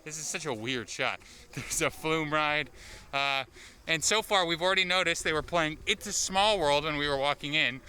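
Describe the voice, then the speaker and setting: A man's voice: a little high, normal speed, a little hiss or hum. A man hosting a travel vlog, chatting and joking as he walks around an amusement park. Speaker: vlog host. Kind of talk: casual vlog narration. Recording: outdoor vlog with loud park music.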